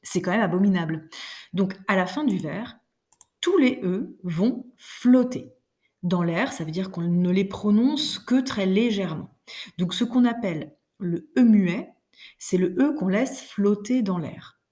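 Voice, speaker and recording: A woman teaching a French class in a recorded online lesson, explaining patiently with many fillers and reading verse slowly. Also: medium pitch, a little mellow.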